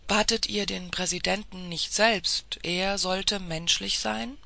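An insistent police official from an old-fashioned storybook, as the reader puts him on, pressing his case in long, courtly sentences. The voice is slow and gravelly with a bright, sharp edge, and the recording is dry and close. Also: mid-range voice, fairly even intonation, no room sound, exaggerated voice. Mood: persuasive. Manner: formal, insistent persuasion.

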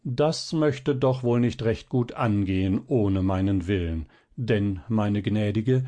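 A man reading aloud and voicing a calm, sly old male magician who talks in a measured, gently smiling way. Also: lowish voice.

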